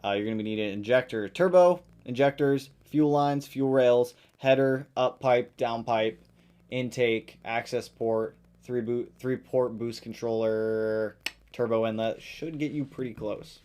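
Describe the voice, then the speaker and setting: On a casual live stream about cars, a man reads viewer questions and comments aloud and answers them in a loose, relaxed, chatty way, speaking slowly with a clean tone. He greets regulars with sudden loud, high jumps of excitement, and his voice sounds slightly worn after a long session.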